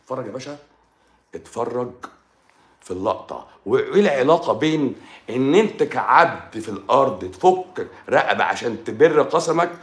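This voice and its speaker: Animated Egyptian man, fast and echoey. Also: medium pitch. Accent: Egyptian Arabic. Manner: animated, addresses listener directly, repeats phrases. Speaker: religious speaker. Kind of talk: live stream religious talk.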